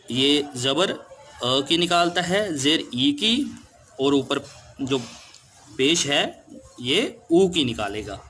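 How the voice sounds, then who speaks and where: Slow, bright-voiced male teacher. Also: medium pitch, a little hiss or hum. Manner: patient, spells words out letter by letter. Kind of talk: spelling lesson for children.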